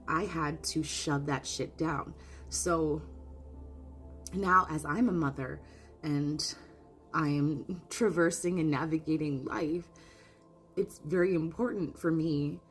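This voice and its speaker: A woman giving a casual spoken oracle card reading, earnest and openly emotional, often restarting her sentences. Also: deep voice. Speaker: spiritual card reader.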